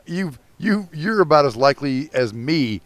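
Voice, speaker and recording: A man's voice: a little high, expressive, moderate pace, no echo. A man co-hosting a podcast in casual chat, rambling through stories and swearing freely. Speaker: podcast co-host.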